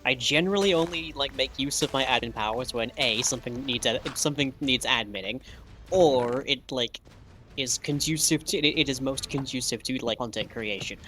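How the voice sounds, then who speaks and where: A man's voice: mid-range voice, normal speed, pushed and bright, faint music behind. A man hosting a gaming stream in casual chat, teasing his friends and laughing often. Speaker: streamer and server admin.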